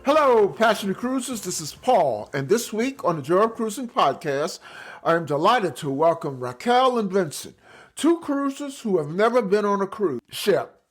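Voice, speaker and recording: High-pitched guy hosting a podcast, upbeat, a few uhs when he asks stuff. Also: very animated, moderate pace, breathy edge, soft background music. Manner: enthusiastic, scripted intro then hesitant questions. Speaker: podcast host. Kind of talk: podcast interview. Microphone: remote call setup.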